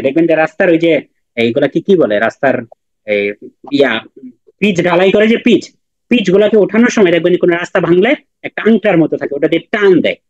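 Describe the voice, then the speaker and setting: A man's voice: sits high, dry recording, lo-fi sound. A man teaching Quran recitation in an online class, patiently repeating and drilling letter sounds with his students.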